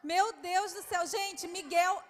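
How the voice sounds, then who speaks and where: Very high-voiced Brazilian woman quizzing kids. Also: slow. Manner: affectionate, coaxing, calls children "my love". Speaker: historian hosting a quiz for schoolchildren. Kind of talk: lively quiz with children at a public event. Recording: reverberant hall, faint background noise.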